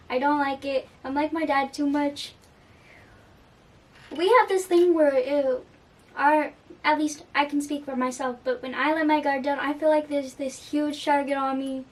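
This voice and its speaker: A woman's voice: sits high, recorded from a distance. A young woman talking earnestly about a song in a casual reaction video, with frequent fillers. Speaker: music reaction vlogger.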